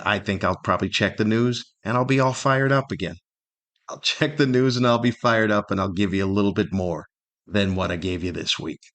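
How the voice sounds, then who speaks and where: A middle-aged man hosts a solo podcast, his voice fairly low and a bit bright. He offers humorous, opinionated commentary, grumbling and incredulous, with plenty of rhetorical questions.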